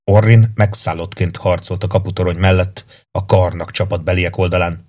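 A man narrating an audiobook in an even, steady storytelling manner. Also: deep voice. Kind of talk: scripted narration.

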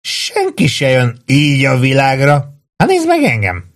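A man reading aloud and voicing a drunk, blustering middle-aged army sergeant who talks loud and drawn out. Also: medium pitch, wildly swooping pitch, voice pushed up. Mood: ranting drunk.

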